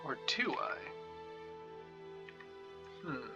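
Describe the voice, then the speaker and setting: A man's voice: a little high, wildly swooping pitch, extremely slow, vocal fry, highs cut off, over music. A man giving casual game commentary, musing aloud in a wry way as he plays. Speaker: gamer narrating a playthrough.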